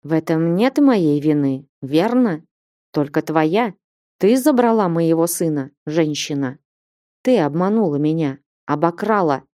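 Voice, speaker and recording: A woman voicing a steppe warrior man who speaks quietly and calmly, with a lowered voice. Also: measured pace, no echo, clean studio sound. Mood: cold. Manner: calm, quiet, firm. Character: stern low-voiced male steppe commander.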